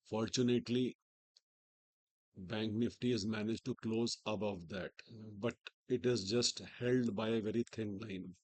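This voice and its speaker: A man with an Indian accent and a sore, swollen-sounding throat gives informal trading commentary in halting, deliberate short phrases, his voice strained and limited in volume. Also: on the low side, fairly even intonation, dry recording. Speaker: market analyst host.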